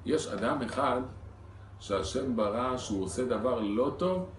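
A rabbi giving a lesson in a synagogue hall, throwing question after question at his listeners. His voice sits at an ordinary male pitch. It was recorded from some way off, so the room echo is strong. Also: background noise. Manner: lively teaching, rhetorical questions to the audience. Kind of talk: Torah lesson to a congregation. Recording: echoey hall recorded from a distance.

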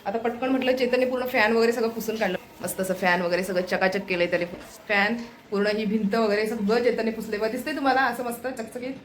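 A woman's voice: a little high, fairly even intonation, fast, a little hiss or hum. A young woman chatting to viewers in a casual home vlog, showing her chores. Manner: chatty, addressing viewers directly. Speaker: vlogger.

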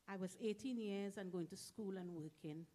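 A middle-aged woman delivers a heartfelt eulogy at a memorial service. She speaks in short phrases and leans hard on the key words. Her voice sits at an ordinary middle pitch for a woman. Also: normal speed, warm tone. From Trinidad. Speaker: church member giving a tribute.

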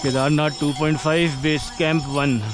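Young guy vlogging on a mountain trail, kinda high voice, loud music over him. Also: little pitch movement, normal speed. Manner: chatty, exclaims often. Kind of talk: casual travel vlog narration. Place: outdoors on a mountain trek, on horseback.

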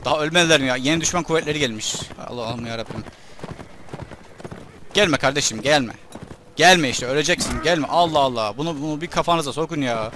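A young man giving live commentary on his own gameplay, excitable, shouting at his troops and enemies and muttering when things go badly. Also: a little high, a little fast, a little hiss or hum.

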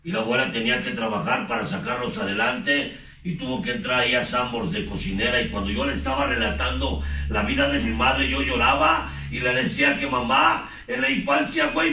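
A man with a Mexican Spanish accent giving an impassioned, profane testimony at a recovery group meeting, often shouting. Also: medium pitch, lively intonation, a little fast, vocal fry, echoey room, far from the mic.

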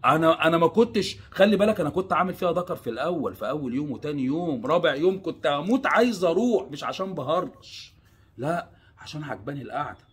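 A young man with an Egyptian Arabic accent talks straight to his viewers, earnest and pleading. His voice sits a touch high with a husky grain to it. He swings from loud, insistent urging to low, hushed warnings. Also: animated, fast. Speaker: vlogger. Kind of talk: personal warning monologue.

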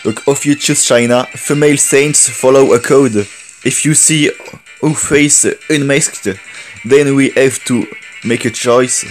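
A man with a French accent voicing a fierce masked female warrior, reading slowly in his own mid-range voice. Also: medium pitch, fairly even intonation, soft background music, lightly acted. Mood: stern. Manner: slow, careful reading of game dialogue.

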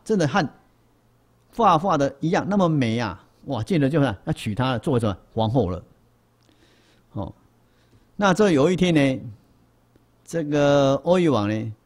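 A man, a Buddhist monk, lecturing in a hall and telling a long story with lively exclamations. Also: mid-range voice.

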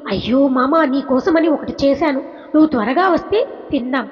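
A woman's voice: sits high, animated, normal speed. A woman voicing a playful, teasing young wife who sulks and coaxes, in a storybook reading. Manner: coaxing and cheeky. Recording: reverberant, dull lo-fi recording.

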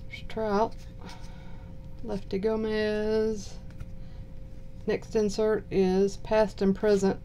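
A woman with a Southern US accent giving low-key, mumbled casual commentary while unboxing cards. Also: monotone, drawn-out words, pauses often, dark tone, slight background noise. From southern United States. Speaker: card box-break host. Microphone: purchased microphone.

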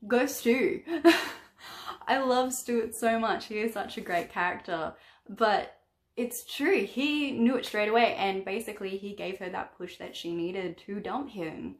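A woman's voice: medium pitch, unhurried. A woman chatting about a book she read, rambling and often correcting herself. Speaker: book vlogger. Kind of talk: casual book review. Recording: echoey room.

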